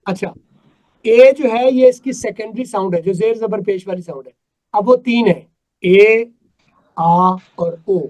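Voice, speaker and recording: A man's voice: high voice, normal speed, dark tone, poor audio. A man from Pakistan teaching an English class over a video call, emphatic and quizzing his students. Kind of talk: live online class.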